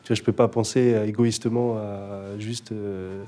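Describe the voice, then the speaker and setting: Fairly low and level with a dark tone, the voice belongs to a young rapper chatting casually in an interview at a moderate pace. He's laid-back, hesitant, and leans on fillers and restarts.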